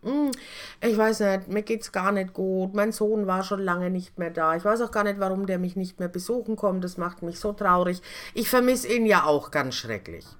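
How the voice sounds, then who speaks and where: A woman voicing a sad elderly care-home resident who is quietly complaining that her son no longer visits. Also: medium pitch, normal speed, lightly acted. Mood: sad, plaintive.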